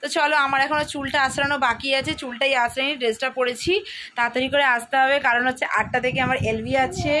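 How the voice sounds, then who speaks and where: A woman's voice: sits high, steady tone, fast talker, bright, forceful tone, a little hiss or hum. A woman chatting casually to her viewers in a home vlog, walking them through her cooking and errands. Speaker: vlogger. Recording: background music under the voice. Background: music.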